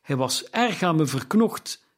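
A man's voice: on the high side, lively intonation, a little slow. A man voicing an elderly male miser, exclaiming in nostalgic amazement in an audiobook reading. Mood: fond. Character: old male miser, moved and excited.

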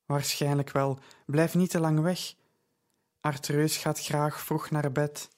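A man voicing a tired, kind-hearted woman with a dry, gentle, plain-spoken manner in an audiobook. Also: on the high side, little pitch movement, takes it slowly. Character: weary, kind-hearted middle-aged woman host.

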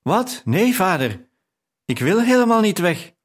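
An earnest young woman, devoted and emotional, voiced by a male narrator in an audiobook. She speaks slowly and tenderly, lifting to a mid-pitched plea. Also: lively intonation. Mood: insistent. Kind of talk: audiobook character reading.

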